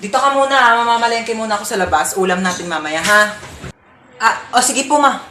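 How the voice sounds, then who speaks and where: A woman's voice: on the high side, lively intonation, fairly quick, slight background noise. A woman acting out comedic family skits, playing both a mother and her child in casual Filipino talk. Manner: switches between mother, child, and other characters. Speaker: comedy skit creator. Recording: echoey room with loud background music. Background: loud music.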